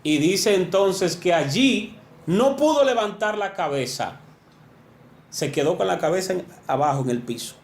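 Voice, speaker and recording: A man with a high voice preaches a sermon in an earnest, emphatic way, his pitch climbing and dropping to drive each point home. The sound is roomy and echoey. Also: animated, unhurried.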